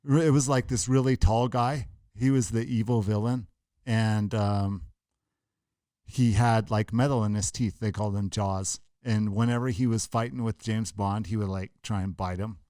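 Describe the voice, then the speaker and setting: A man's voice: lowish voice, fairly even intonation, normal speed, dark tone, no echo, studio quality. A man co-hosting a podcast in casual chat, joking and teasing. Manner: joking, teasing, puts on silly voices. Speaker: podcast co-host.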